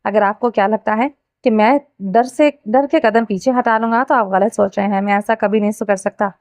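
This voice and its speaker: A woman's voice: medium pitch, fairly even intonation, a little mellow, dry recording, lightly acted. A woman voicing a brash, stubborn young man who talks in a carefree, teasing way, read aloud from a novel.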